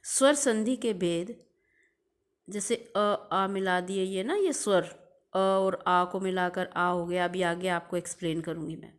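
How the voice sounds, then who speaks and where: A woman's voice: on the low side, steady tone, moderate pace. A woman teacher giving a recorded grammar lesson, drawing out examples and repeating key terms.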